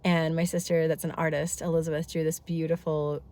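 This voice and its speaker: A woman's voice: low-pitched, little pitch movement, fairly quick, darkish tone. A woman in her thirties chatting casually in a family vlog, congested from a head cold, talkative and rambling with lots of asides. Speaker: family vlogger.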